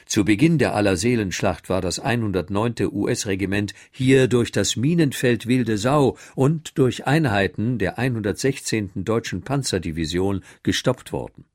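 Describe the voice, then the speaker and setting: A man giving clear, informative scripted narration as an audio tour guide. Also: lowish voice, moderate pace, hardly any pauses, darkish tone, no room sound, clean studio sound.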